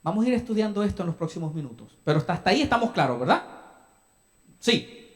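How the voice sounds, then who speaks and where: Un pastor predicando con animación. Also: male voice, high voice, fast. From El Salvador. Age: young adult. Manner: animated preaching with dialogue asides to the congregation. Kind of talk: sermon. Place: church sanctuary.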